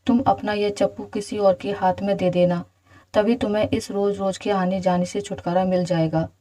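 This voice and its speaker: A woman voicing a clever young man in a storybook, speaking plainly in a dark, mellow tone. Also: mid-range voice, steady tone, normal speed, close to an everyday voice, poor audio. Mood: calm.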